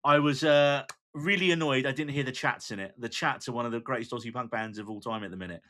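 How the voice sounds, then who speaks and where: A man's voice: mid-range voice, steady tone, fast talker, a bit bright. A man co-hosting a podcast, chatting enthusiastically and working from his own notes. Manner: enthusiastic, reads out notes and lines. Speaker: podcast co-host. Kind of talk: casual chat.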